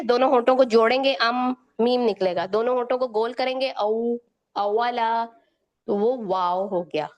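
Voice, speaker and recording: A woman teaching Quran recitation, explaining each point and then quizzing her listeners with questions, with frequent checks of "okay?". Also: fairly high pitch. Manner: repeats "theek hai" to check understanding, quizzes listeners with questions. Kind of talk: explanatory lesson to students.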